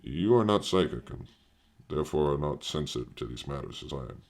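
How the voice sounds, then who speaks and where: Guy doing grave pedantic ghost hunter doctor, horror radio play, super low gravelly voice, swells and dips a lot. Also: expressive. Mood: earnest, grave. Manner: solemn, formal, halting, pedantic. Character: grave, earnest older doctor who hunts apparitions. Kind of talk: audio horror drama acting.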